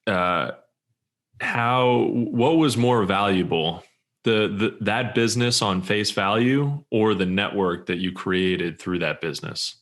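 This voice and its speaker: A man's voice: fairly low pitch, slow pace, fairly bright tone. A man hosting a podcast interview, asking rambling, hesitant questions. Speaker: podcast host.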